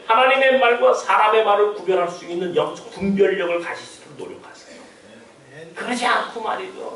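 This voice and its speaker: Man, pastor, sermon, very high voice, emphatic, rhetorical, echoey church, distant mic. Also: fairly bright tone. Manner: emphatic, rhetorical questions, chuckling asides. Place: church sanctuary. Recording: roomy church sound, mic far off.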